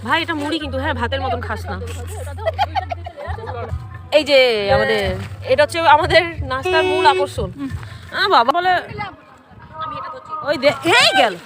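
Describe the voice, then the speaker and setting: A woman's voice: sits high, moderate pace, long pauses, over music. A woman narrating her own vlog at a picnic, chatty and teasing, filmed on a handheld phone outdoors. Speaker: vlogger. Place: outdoors at a busy picnic ground.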